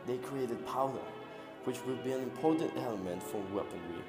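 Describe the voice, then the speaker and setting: A man narrating in the manner of an old newsreel, with a solemn announcer delivery and slightly awkward phrasing. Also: mid-range voice. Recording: roomy long reverb over clear music.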